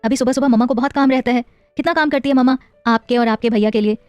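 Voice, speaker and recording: Audio story role: a gentle, doting young dad, read by a woman narrator, higher voice, dry and close. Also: fairly even intonation, fast, clean tone, no room sound, faint music behind, close to an everyday voice. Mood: coaxing. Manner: gentle, coaxing, affectionate. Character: doting young husband and father, playful.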